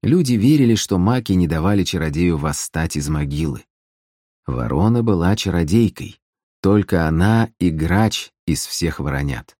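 A man reads a fantasy audiobook in a measured, even way. His voice is deep and low. The recording is dry and close, with no room sound. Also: dry recording. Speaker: audiobook narrator.

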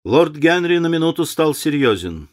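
Expressive man narrating a novel. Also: on the high side, moderate pace. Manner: expressive, theatrical reading. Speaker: audiobook narrator. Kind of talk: reading a novel aloud.

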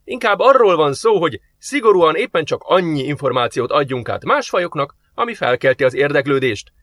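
A man voicing a polite, formal male alien receptionist in an audiobook, measured and courteous. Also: on the high side, big pitch swings, fairly bright tone, no room sound, pitched above the performer's own voice. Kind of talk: audiobook character voice.

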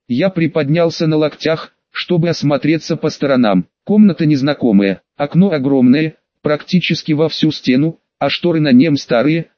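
A man's voice: fairly high pitch, no echo. A man narrating an audiobook in the first person, in a wry, ironic tone. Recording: dull lo-fi audio.

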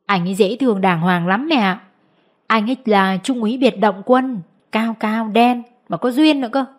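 A woman's voice: on the high side, normal speed, close to an everyday voice. A woman voicing a lovesick teenage girl in an audiobook, pleading and choked with tears, over faint music. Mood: eager. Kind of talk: audiobook character voice.

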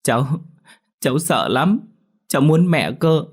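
A man's voice: normal speed, slightly rough. A man voicing a frightened little girl who cries and pleads for her mother in a ghost story. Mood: crying. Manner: high, pleading, crying out.

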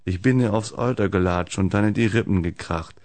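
A man reading the lines of a talkative, sturdy female X-ray nurse in a deep voice. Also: fairly quick, darkish tone, no room sound, natural voice. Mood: chatty. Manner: talkative, tops every story.

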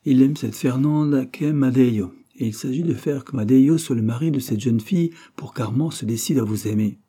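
A man voicing a cunning, gallant masked bandit chief in an audiobook, speaking with emphatic, lively outbursts. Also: mid-range voice, normal speed, slightly rough, pitched above the performer's own voice, lightly acted. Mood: plotting. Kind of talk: audiobook character voice.

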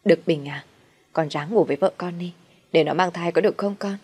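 A woman's voice: lowish voice, a little fast, a little mellow, breathy edge. A woman voicing a harsh, scheming middle-aged mother-in-law who scolds and commands. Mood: pleading.

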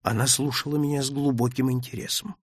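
A man's voice: medium pitch, little pitch movement, quick pace, husky, no echo, clean studio sound. A man narrating a novel in the first person, reading it aloud with dramatic expression. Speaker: audiobook narrator.

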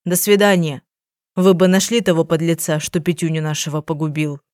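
A woman's voice: low voice, steady tone, brisk, a little mellow, no echo, clean studio sound, close to an everyday voice. A woman reading the lines of a devout, plain-spoken male neighbor who exclaims in an audiobook. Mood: earnest. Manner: slightly embarrassed, exclaiming. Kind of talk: audiobook dialogue.

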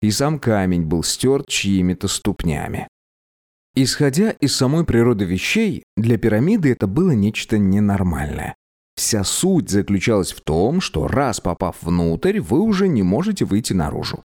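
A man reading an audiobook aloud as narrator, with expressive storytelling delivery. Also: fairly low pitch, moderate pace. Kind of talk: scripted narration.

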